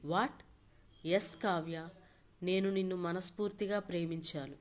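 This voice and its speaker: An earnest young man from an audio story, pleading and sincere, his words given in a low, unhurried voice. A woman reads him in her own slightly low tone. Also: fairly even intonation, natural voice. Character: young man, earnest office colleague in love.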